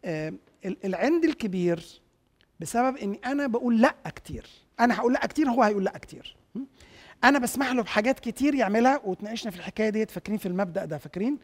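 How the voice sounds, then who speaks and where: A man's voice: sits high, expressive, very fast. A man with an Egyptian Arabic accent explaining parenting ideas to a class, checking in with his listeners as he goes. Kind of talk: conversational teaching talk.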